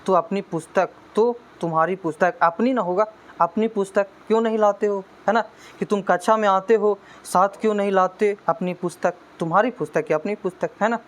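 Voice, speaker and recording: A man's voice: high-pitched, fairly even intonation, a little fast. A man teaching an exam-prep lesson, constantly checking in with "है ना" and urging students to study hard. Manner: constant "है ना" tag questions, coaxing students.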